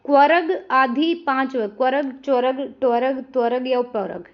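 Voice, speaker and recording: A woman's voice: high voice, measured pace. Woman teaching grammar over a dull recording. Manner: explains step by step, addresses viewers directly. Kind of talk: online grammar lesson.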